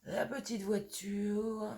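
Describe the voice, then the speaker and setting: A woman with a slightly hoarse voice, chatting casually and gushing as she shows off craft supplies in a haul video. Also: mid-range voice, flat delivery, slow pace, dark tone, slight background noise. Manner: chatty and gushing, lots of fillers. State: voice a bit hoarse. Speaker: scrapbooking vlogger.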